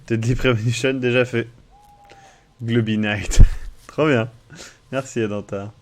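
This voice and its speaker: A man's voice: medium pitch, steady tone, a little slow. A young man casually commenting on a game he plays live, chatting with viewers, swearing now and then, and reading on-screen text aloud. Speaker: game streamer.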